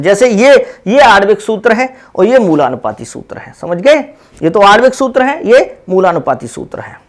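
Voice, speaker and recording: Chemistry teacher, male, high voice, unhurried, walks students through each step. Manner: slow, step-by-step explaining with repeated check questions. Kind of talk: blackboard lesson.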